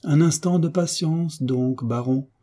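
A man voicing a calm, patient hunchbacked marquis in an audiobook, explaining things soothingly. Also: on the high side, a little slow, pitched above the performer's own voice.

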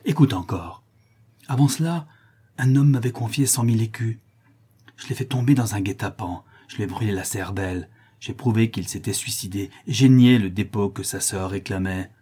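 A man voicing a cruel, scheming male notary who confesses his crimes and then grows frantic, with a dark husky voice. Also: fairly low pitch, normal speed. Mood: confessing coldly. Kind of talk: audiobook character reading.

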